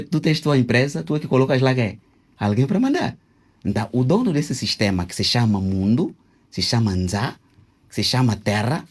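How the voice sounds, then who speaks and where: A man answering interview questions in a didactic way, often pausing and sounding out words syllable by syllable. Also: mid-range voice, darkish tone, slightly rough. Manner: didactic, spells out Kikongo words syllable by syllable with many hesitations. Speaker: interviewee, self-proclaimed traditional king.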